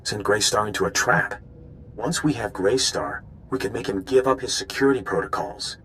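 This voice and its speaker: In poor-quality audio with a little hiss or hum, a man with a fairly low, fairly bright voice plays an earnest, scheming undercover informant in a video game. He speaks at normal speed in a near-everyday voice, urgent and conspiratorial, clearly plotting something.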